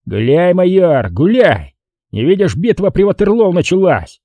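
A man's voice: sits high, very animated, moderate pace, warm tone, no echo, pitched above the performer's own voice. A man voicing a drunk, brawling lieutenant colonel who blusters and picks fights, in an audiobook reading. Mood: belligerent.

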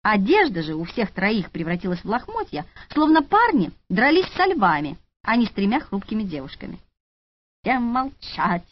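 A woman reading a first-person audiobook with a wry, expressive delivery. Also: mid-range voice, brisk. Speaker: audiobook narrator. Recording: lo-fi audiobook recording.

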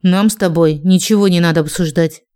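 A woman voicing a cold, proud male dragon in an audiobook, speaking slowly and with contempt. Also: sits high, steady tone, darkish tone, clean tone, natural voice. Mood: bitter. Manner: slow, contemptuous, menacing.

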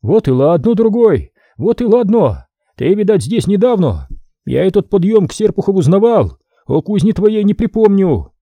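A man voicing an old male merchant who coaxes and wheedles in a hoarse, cracking voice. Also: high-pitched, sing-song, moderate pace, dry recording, lo-fi sound, pitched above the performer's own voice, heavily acted. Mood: wheedling.

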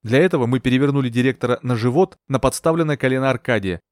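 A man narrating a first-person audiobook in a steady, measured storytelling manner. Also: medium pitch, dry recording, clean studio sound. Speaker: audiobook reader.

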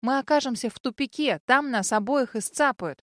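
A woman narrating a first-person fantasy audiobook in a lively, expressive manner. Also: high-pitched, moderate pace, dry recording, studio quality.

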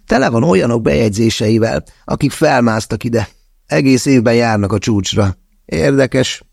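A man voicing an excitable male hiker in an audiobook, with an eager, exclaiming manner. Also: mid-range voice, gravelly, no echo, studio quality, voice pushed up. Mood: excited.

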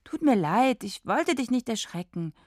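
A woman's voice: fairly high pitch, sing-song, moderate pace, a little mellow, no room sound, clean studio sound, voice pushed up. A woman voicing a playful, mischievous young mermaid girl in a radio drama, speaking in a light, teasing and carefree way. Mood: apologetic. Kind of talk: radio drama read-aloud.

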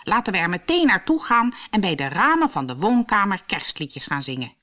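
An eager, boastful male pig from a storybook, loud and keen, voiced by a woman reader. The pitch jumps up and down lively as he schemes. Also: fairly quick.

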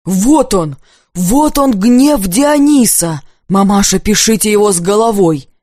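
A woman reading aloud, voicing an excitable young male painter who exclaims in frantic rapture, close to tears. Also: mid-range voice, unhurried, no room sound, natural voice. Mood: frantic, rapturous.

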